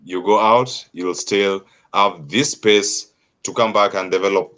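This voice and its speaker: A man with a Kenyan accent hosting an interview, asking long, winding questions with slow, emphatic phrasing. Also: on the low side, fairly even intonation, bright, forceful tone. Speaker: host. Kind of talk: interview host.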